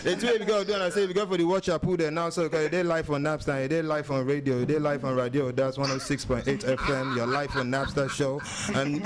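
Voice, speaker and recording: A man hosting a lively radio show in slangy English mixed with Pidgin, often repeating words for emphasis. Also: a little high.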